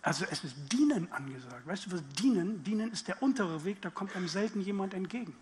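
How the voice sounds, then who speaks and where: High-voiced man preaching with energy. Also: fast, slight background noise. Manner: lively, addresses listeners directly with questions; acts out inner voices in quotes. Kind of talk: sermon.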